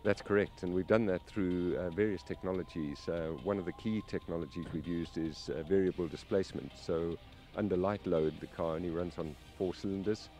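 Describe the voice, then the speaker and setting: A man engineer answering interview questions outdoors at a race track, measured and hesitant. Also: low-pitched, steady tone, dark tone, faint music behind. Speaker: automotive engineer.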